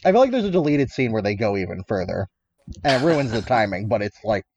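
A man co-hosting a podcast, chatting about a film with lively interjections and laughter. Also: on the low side, fast talker, husky, no room sound. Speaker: podcast co-host. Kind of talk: casual film discussion.

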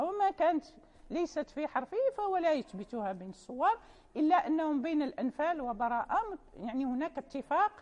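A woman's voice: high voice, darkish tone, in a large hall. A woman teaching Quran recitation in an informal classroom lecture, patiently explaining and quoting verses and poem lines in a chanting lilt.

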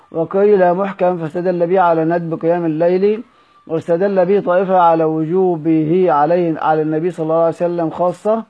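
Higher-voiced man reading a classical text over thin audio. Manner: measured reading, stressing each verse heading, with small restarts. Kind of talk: reading a classical text aloud with brief explanatory asides. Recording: narrow phone-like audio.

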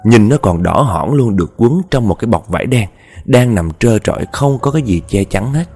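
A man with a Southern Vietnamese accent narrates a horror tale in a low, husky voice. His delivery is lively and chatty, swinging up and down as he talks straight to his listeners. Faint music sits underneath. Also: moderate pace. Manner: chatty, addresses listeners directly. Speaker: storyteller.

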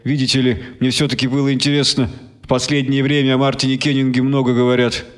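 A man reading a short story aloud as an audiobook narrator, in measured storytelling. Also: mid-range voice, level tone. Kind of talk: scripted narration.

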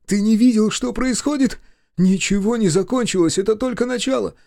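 Male narrator voicing a high, screaming, hysterical kid brother; dry audiobook read. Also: fairly quick, vocal fry, darkish tone, no room sound. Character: panicky hysterical younger brother, young man.

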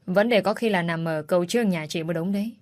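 A loving, protective mother in an audiobook romance, voiced by a woman narrator, soft-spoken and pleading with her child. Her voice is a touch low. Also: fast, natural voice. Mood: defiant. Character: protective middle-aged mother, tender and grieving.

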